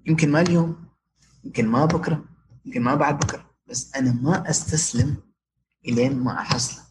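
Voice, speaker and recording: A man's voice: on the high side, quick pace, slight background noise, rough recording. A young Omani man telling personal stories casually as an interview guest, his Omani Arabic sprinkled with English words. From Oman. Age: young adult.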